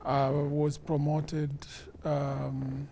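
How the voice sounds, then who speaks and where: A man from Kenya, a police sergeant, speaking in a measured way with many pauses and fillers in an interview. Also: on the high side, monotone, mellow, slight background noise. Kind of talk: casual interview talk.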